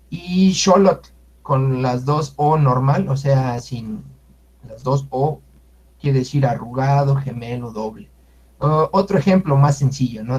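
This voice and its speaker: A man giving an informal language lesson, explaining unhurriedly with many fillers and sounding out words slowly. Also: medium pitch, dark tone. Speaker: Nahuatl language teacher. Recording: muffled lo-fi audio.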